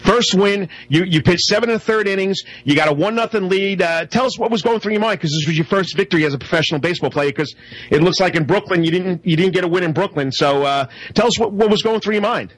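A male sports talk host on live radio, speaking in a notably high register. He works in plugs for the show and often repeats himself to keep listeners up to speed. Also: fast talker, no echo, low-quality recording.

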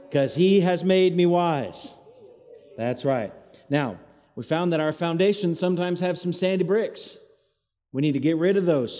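A man's voice: fairly high pitch, a little mellow. A man preaching an evening sermon as associate pastor, leading call-and-response with the congregation, his voice echoing as if in a cave. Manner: call-and-response preaching, has the crowd repeat after him. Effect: cave-like echo. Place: church hall, evening service. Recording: echoey church hall, cave-like reverb.

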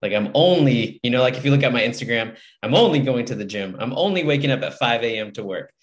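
A man's voice: medium pitch, animated, quick pace. A man talking casually as an author guest on a podcast, in an earnest, motivational way. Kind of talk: casual interview chat.

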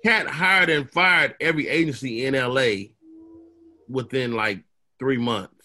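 A comedian from Chicago, he talks through his stories casually in a mid-range voice at a slightly slow pace. The telling is animated, and he performs other people's voices along the way.

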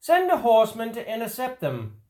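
A man voicing a wounded king who fires off worried orders, his pitch swinging up and down. He is a commanding ruler in an audio drama. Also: huge pitch swings, brisk, mellow, full character voice. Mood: uneasy.

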